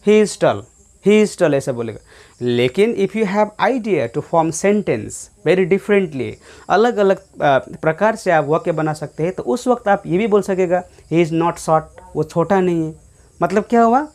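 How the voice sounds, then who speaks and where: A man from India gives an English grammar lecture. He explains mostly in Hindi, mixing in English phrases, and keeps asking rhetorical questions with short fillers. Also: high-pitched. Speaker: English teacher.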